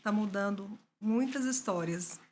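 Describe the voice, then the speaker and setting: A woman from Brazil hosting a podcast interview, supportive and gentle, often affirming her guest. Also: mid-range voice, a little slow, a little hiss or hum. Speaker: podcast host.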